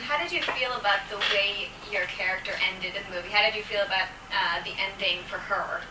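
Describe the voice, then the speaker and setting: A woman, an interviewer at a press round table, asking quick questions and rephrasing them as she goes. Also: medium pitch, low-quality recording. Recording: crowd chatter, voice a little off-mic.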